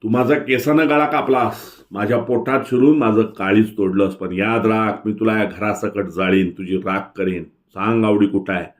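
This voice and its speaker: A man's voice: lowish voice, a little slow, darkish tone, close to an everyday voice. A man voicing a desperate young husband, loving and anguished, with a raised voice. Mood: furious.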